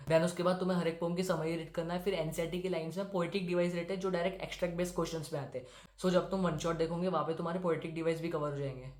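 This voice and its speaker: Teen boy from India, quick and direct study-tips talker, echoey room. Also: fairly high pitch, a little mellow. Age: teens. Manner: brisk, direct, instructive. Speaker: student giving exam tips. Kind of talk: study-tips talk to camera. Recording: roomy echo.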